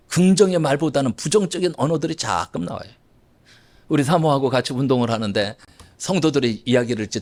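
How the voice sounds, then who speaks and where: A middle-aged male pastor delivers a Sunday sermon with a lively, swooping voice that sits high for a man. He hammers his points home by repeating phrases and calling out to the congregation. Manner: emphatic preaching, repeating key phrases and addressing the congregation.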